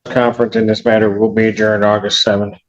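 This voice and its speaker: A man serving as judge, speaking in a measured, formal way through court proceedings, heard in a courtroom recording. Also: on the low side, flat delivery. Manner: measured, formal, reads plea terms aloud. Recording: muffled courtroom recording with faint clicks.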